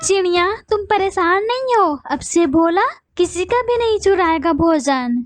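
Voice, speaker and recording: Woman doing a very high comforting bird. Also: expressive, measured pace, dry recording. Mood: consoling. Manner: soothing, cursing the thief. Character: female bird, comforting neighbor. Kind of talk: cartoon voice acting.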